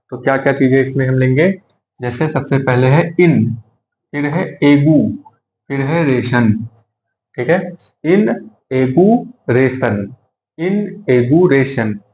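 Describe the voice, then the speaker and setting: Slow, patient male teacher spelling words. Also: mid-range voice, darkish tone. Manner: slow, repeats words and spells them out letter by letter; checks in with "okay?" after each point. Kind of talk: vocabulary lesson. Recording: echoey room with faint noise.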